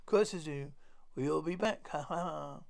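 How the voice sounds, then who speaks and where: A man's voice: fairly high pitch, slow pace, creaky. A man voicing a menacing phantom pirate back from the dead in a ghost voice, in a dramatic story reading. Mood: menacing, gloating.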